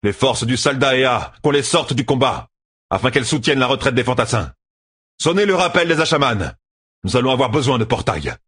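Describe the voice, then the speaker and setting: A man's voice: fairly low pitch, big pitch swings, normal speed, a bit bright, husky, pitched above the performer's own voice, exaggerated voice. A man voicing a stern male army commander who gives clipped, urgent orders in a raised, commanding voice.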